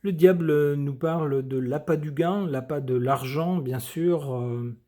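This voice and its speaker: A man's voice: a little high, a little slow, warm tone. Hesitant man reading and commenting. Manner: hesitant, many filler sounds; ironic asides. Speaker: tarot reader. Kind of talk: reading a news article and commenting.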